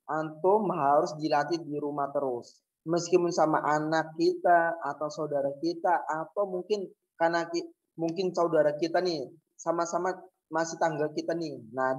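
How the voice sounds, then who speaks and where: Man, teacher, classroom lesson, slightly high-pitched, patient, repeats words for students. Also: a little mellow, dull audio. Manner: asks the class questions and answers them himself. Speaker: Arabic language teacher.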